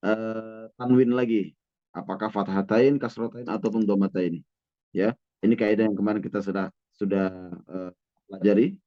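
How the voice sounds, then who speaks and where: A man's voice: on the low side, dry recording, highs cut off. Patient male Arabic teacher. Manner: patient, drawn-out teaching cadence with frequent fillers. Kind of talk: classroom Arabic grammar lesson. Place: mosque classroom with online students.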